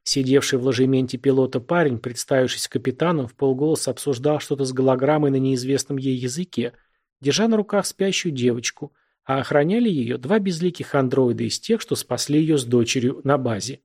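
A man narrating a science-fiction audiobook in an even, measured reading. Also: medium pitch. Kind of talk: scripted narration.

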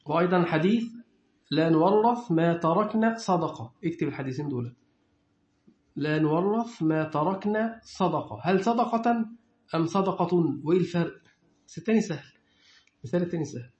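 Egyptian man, religious teacher, high voice, fires quick questions at his class; dull, lo-fi recording. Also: a little mellow. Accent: Egyptian Arabic. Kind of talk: classroom lecture. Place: lecture room with students. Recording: echoey room, dull lo-fi sound.

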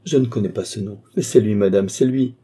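A man's voice: on the low side, fairly quick, dark tone, husky. A man reading an audiobook, voicing a terrified, pleading young woman. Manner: pleading, frightened.

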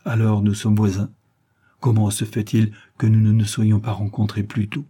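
A man voicing an amorous, excitable private detective who courts with flowery, effusive words. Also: lowish voice, moderate pace, lightly acted. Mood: gallant. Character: amorous middle-aged male private detective, gallant and excitable.

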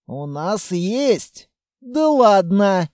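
A man plays a grumbling soldier in a storybook reading, his voice low-toned and mellow yet pushed a little louder than the narration around it. He scoffs and grouses at everything, dry and close in a small, dead booth. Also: very animated, very slow, no echo, exaggerated voice. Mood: gruff. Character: gruff grumbling male soldier, middle-aged.

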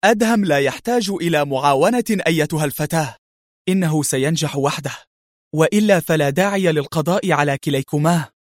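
A man's voice: fairly high pitch, a little fast, no room sound, studio quality, lightly acted. A man voicing a surprised, formal male ambassador. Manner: astonished, formal.

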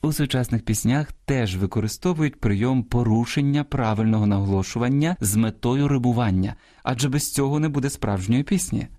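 Guy doing a radio language lesson, mellow voice, dry studio sound, slow and careful like a teacher. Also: medium pitch, no room sound. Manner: measured, didactic, addresses listeners directly.

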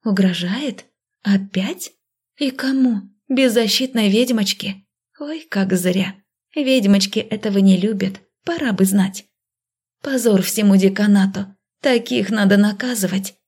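A woman's voice: mid-range voice, unhurried, a little mellow, husky. A woman voicing a stubborn, cheeky young witch who mocks and defies. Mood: mocking. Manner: mocking, defiant.

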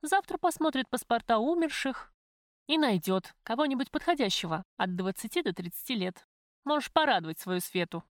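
A woman voicing a blunt, streetwise young waitress who chides her friend, in a lively, raised voice. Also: a little high, normal speed, no room sound, clean studio sound, voice pushed up, natural voice. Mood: brash. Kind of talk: audiobook character voice.

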